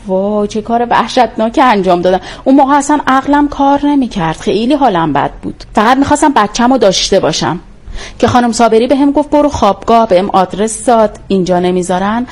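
Brief: woman telling her own story, hesitant, pausing, plain mid-range voice. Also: mid-range voice, a little mellow. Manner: halting, hesitant recollection. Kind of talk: personal testimony.

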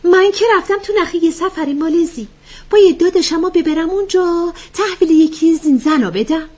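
A woman voicing a brash, playful young woman who speaks in a high, loud, teasing way. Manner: cheeky and exclamatory.

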